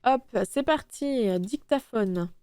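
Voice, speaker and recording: A woman streamer reading a visual novel game aloud, voicing every character in turn with a lightly animated delivery. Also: high voice, slow pace, smooth. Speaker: let's play streamer.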